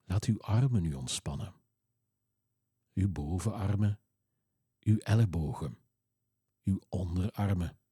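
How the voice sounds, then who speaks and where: A man leads a relaxation exercise, his low voice slow and soothing. The tone is dark and very husky. The recording is close and dry, with no room sound. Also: no echo. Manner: slow, soothing, calm instructions. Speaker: relaxation guide. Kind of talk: guided relaxation script.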